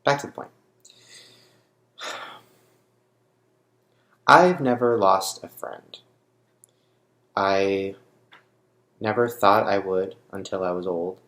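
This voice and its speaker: A man's voice: low voice, slow pace, long pauses, fairly bright tone. A young man talking openly to camera as a vlogger, blunt and profane, rambling and raw with grief. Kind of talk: unscripted confessional monologue to camera. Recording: roomy echo.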